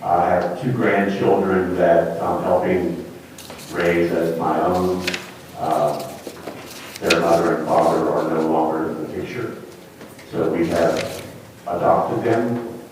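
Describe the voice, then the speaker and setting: A middle-aged or older man answering a judge as a defendant, halting, deferential and apologetic, recorded in a courtroom. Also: low-pitched, steady tone, darkish tone. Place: echoey courtroom, distant microphone. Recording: very echoey, distant mic, faint noise.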